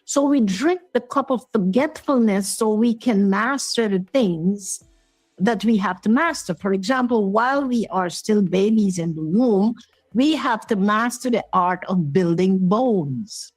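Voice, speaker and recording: Telling her story as an interview guest, a minister from Guyana in her sixties speaks earnestly and explains as she goes, often checking in with the listener. Her mid-range voice is expressive, unhurried, darkish and slightly rough, captured in a dry, low-quality recording.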